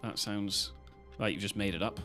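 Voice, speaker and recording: A man's voice: lowish voice, steady tone, normal speed, pushed and bright, faint music behind. A British man chatting casually as a live streamer, in a loose, rambling way with some casual swearing. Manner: rambling, loosely strung-together talk.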